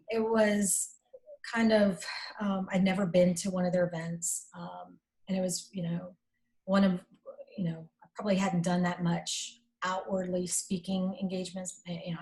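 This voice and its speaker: A middle-aged woman who is a company executive tells stories as an interview guest in a casual, conversational way. She is animated, acts out quoted dialogue, uses many fillers, and describes her own voice as strong and not shy; her voice is on the low side and the recording is rough.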